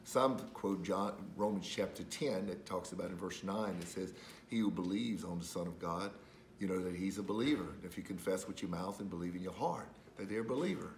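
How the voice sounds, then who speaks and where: A man preaching a sermon as host of a ministry, calm when reading scripture and climbing to loud, high-pitched urgency as he presses his point. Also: brisk, a little hiss or hum.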